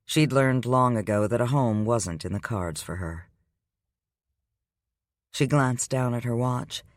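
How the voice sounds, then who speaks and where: A man's voice: medium pitch, takes it slowly, no room sound, clean studio sound. Man narrating a romance audiobook.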